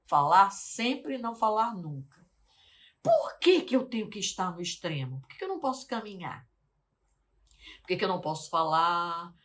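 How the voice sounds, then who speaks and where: A woman, a life mentor teaching to camera, speaking slowly and articulating carefully, often asking the viewer questions. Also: fairly low pitch, a bit bright. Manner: deliberate, slowed, carefully articulated delivery.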